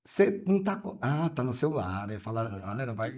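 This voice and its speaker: A man hosting a podcast live in front of a theatre audience. He chats with guests in a casual, encouraging way, and his pitch moves around a lot. His voice sits at an ordinary middle pitch. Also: sing-song, a little fast, a little mellow. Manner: chatty and encouraging. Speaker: podcast host.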